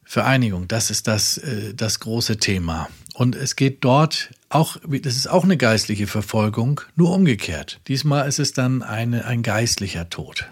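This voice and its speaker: A man in religious conversation, reading sermon quotes aloud with strong emphasis, moving between loud and soft. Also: mid-range voice, lively intonation, measured pace, hardly any pauses, breathy edge. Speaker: religious talk speaker.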